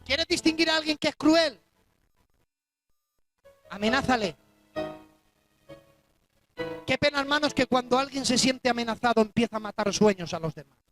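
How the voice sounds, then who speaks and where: A preacher delivers a dramatic sermon in a church, his voice pitched high. He punches some lines out at full force and drops others to a near-hush. Music plays clearly behind him. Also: brisk, pauses often. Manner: emphatic, dramatic, swings between loud exclamations and hushed asides.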